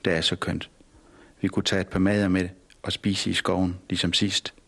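A man's voice: low voice, flat delivery, vocal fry, a bit bright, full character voice. Man voicing a cheerful, easygoing father. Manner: cheerful, friendly.

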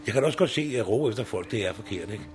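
A man's voice: on the low side, lively intonation, darkish tone, faint music behind. A man in his sixties, a recycling site worker, talking casually in an interview and rambling with tag questions.

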